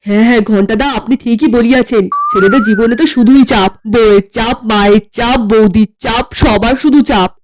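A bumbling cartoon man, put on by a woman, speaking in stiff, bookish old-fashioned phrases. The voice is pitched lower than her natural register, which is itself fairly high. It is a plain comic cartoon read. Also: a little fast, few pauses, background noise, close to an everyday voice. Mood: pompous.

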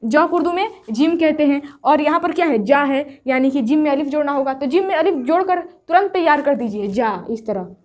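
A woman's voice: sits high, a little mellow. A woman teaching Urdu script step by step, patient and repetitive. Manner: patient, repeats each point slowly. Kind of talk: step-by-step whiteboard lesson.

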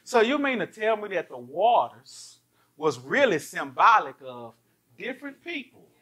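High, bright-voiced pastor preaching. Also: male voice, measured pace, slightly rough. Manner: animated, asks the congregation many rhetorical questions. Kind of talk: lively sermon. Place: church.

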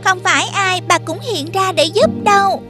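A woman's voice: extremely high pitch, moderate pace, over music. A woman doing a tiny fretful cartoon firefly. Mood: worried. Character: small, caring firefly companion, fretful.

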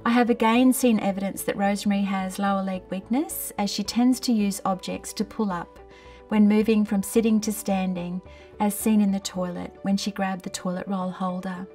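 A middle-aged woman occupational therapist speaks at a medium pitch in a calm, measured way. Her narration is scripted and clear, made for a training video. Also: distant mic, soft background music. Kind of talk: scripted training narration and gentle client questioning. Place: small tiled bathroom in a home.

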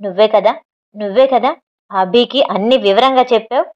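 A woman's voice: on the high side, moderate pace, darkish tone, highs cut off, natural voice. A woman voicing a proud, cruel father who answers his family with defiance and contempt, in a storybook reading. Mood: defiant.

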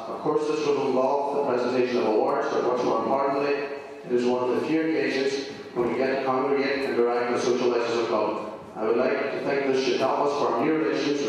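A man compering a club awards night, formal with dry humour, speaking into a handheld microphone in a large hall. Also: medium pitch. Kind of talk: public announcing at an awards night. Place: large community hall, indoors. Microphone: handheld microphone, heard from the camera. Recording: echoey hall from far off.

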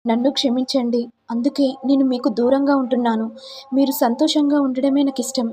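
A woman's voice: high voice, steady tone, brisk, dark tone, a little hiss or hum, natural voice. A woman voicing a meek, devoted young wife who pleads in sorrow, in a retold family serial. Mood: sorrowful.

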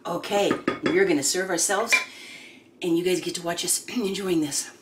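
A woman in her sixties, hosting a home cooking video in casual chat, homey and chatty with many pauses and ums. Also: on the low side, fairly even intonation. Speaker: home cooking channel host. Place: home kitchen, indoors. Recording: noisy home kitchen recording. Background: clinking dishes and pans.

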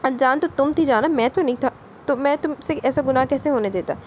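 A woman's voice: high-pitched, a little fast, darkish tone, a little hiss or hum, lightly acted. A woman voicing a young husband who is loving and possessive, coaxing and scolding his crying wife in an audio novel. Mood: soothing. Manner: pleading, coaxing then scolding.

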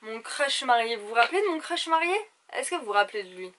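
Young woman vlogger, high voice, animated gossipy chat with the girls, kinda dramatic. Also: fast, slight background noise. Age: young adult. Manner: animated, theatrical girly gossip. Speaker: beauty vlogger. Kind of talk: casual gossipy chat to camera, as between girlfriends. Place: small indoor room at home.

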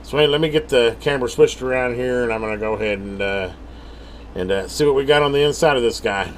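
This fast-talking man has a mid-range voice; he's a middle-aged American who hosts a repair channel. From an indoor workbench he gives loose, rambling repair commentary, thinking out loud folksily, while a steady room hum resembling an air conditioner fills the background.

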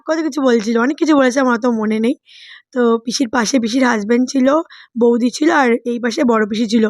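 A woman's voice: sits high, a little mellow, no echo, clean studio sound. A young woman from vlogging in a chatty, rambling way with many fillers. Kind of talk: casual vlog voice-over.

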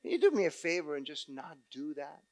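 A mild, courteous pastor voiced by a male preacher who makes a polite request and sweetens it with an offer. His tone is gentle and bargaining, close to the preacher's own voice. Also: on the high side, sing-song, brisk, no echo. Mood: coaxing.

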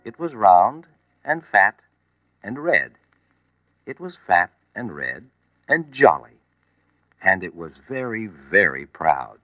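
A man narrating a children's storybook in a slow, expressive reading voice. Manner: slow, expressive reading with lively, rising and falling pitch. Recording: muffled old vinyl record with music.

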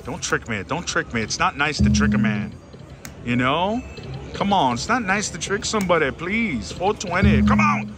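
Male gambling vlogger, higher-pitched and swooping, theatrical casual commentary with pleading repeats, clear machine music behind. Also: sing-song, moderate pace. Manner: theatrical, addresses viewers, repeats phrases pleadingly. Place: busy casino floor at a slot machine. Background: slot machine music.

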